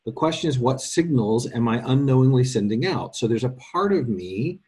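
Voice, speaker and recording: A man co-hosting a casual live question session, explaining card readings in quick bursts with self-deprecating humor. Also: medium pitch, expressive, darkish tone, husky. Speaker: co-host and card reading teacher.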